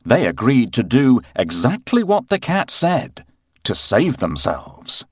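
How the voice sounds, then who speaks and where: A man narrating a fairy tale as a bedtime story for children, with expressive, drawn-out storytelling. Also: medium pitch, breathy edge, no room sound, studio quality.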